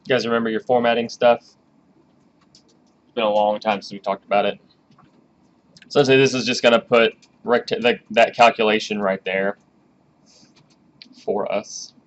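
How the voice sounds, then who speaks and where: A man's voice: on the low side, fairly even intonation, moderate pace, long pauses. A man in his thirties teaching a programming class in a classroom, chatty and casual, coaxing students to ask questions. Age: 30s. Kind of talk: classroom lecture. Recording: dull, lo-fi classroom recording with faint background hiss.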